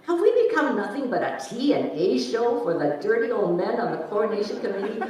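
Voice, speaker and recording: A woman's voice: medium pitch, very animated, brisk, dark tone, lightly acted. A woman playing a proud, fussy Japanese American mother in a staged reading, with a pointed, emphatic delivery. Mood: indignant, formal. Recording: echoey hall, distant mic, faint noise.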